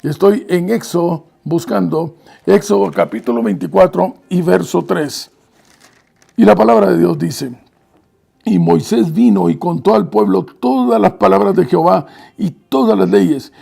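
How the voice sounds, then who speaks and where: A man's voice: sits high, unhurried, vocal fry, warm tone. A man preaching a sermon in earnest, reading scripture aloud and stopping to explain it.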